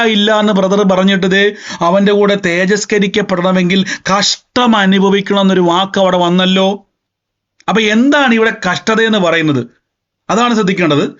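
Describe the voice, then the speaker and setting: A male pastor delivers a sermon, reading scripture and asking the congregation one rhetorical question after another. His voice sits high for a man. The recording is dull and lo-fi. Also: fairly bright tone. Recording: dull lo-fi sound.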